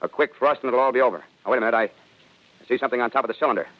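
A man's voice: medium pitch, very fast, no room sound, natural voice. A man playing an army captain giving a clipped field report in 1930s radio drama style. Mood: mounting alarm. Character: confident male army captain reporting from battlefield. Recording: dull vintage 1930s radio recording.

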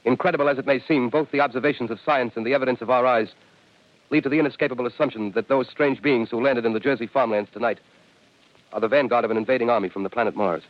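A man acts a solemn radio announcer in an old drama. His delivery is formal and fast, at a middle pitch. The vintage recording sounds dull. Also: natural voice. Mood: grave. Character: grave male radio announcer declaring dire news.

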